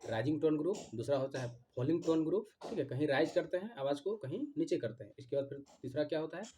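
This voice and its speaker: A man teaching an exam-prep class, mixing Hindi and English and slowly repeating key terms. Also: on the high side, expressive, mellow, a little hiss or hum. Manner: repeats key terms slowly, often adds "theek hai".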